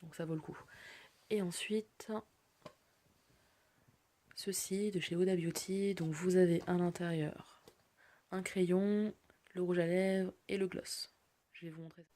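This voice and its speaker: A woman's voice: fairly low pitch, steady tone, takes it slowly, pauses often, dark tone. A woman vlogger casually walking through a haul of products and their prices, chatty with frequent fillers. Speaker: beauty vlogger.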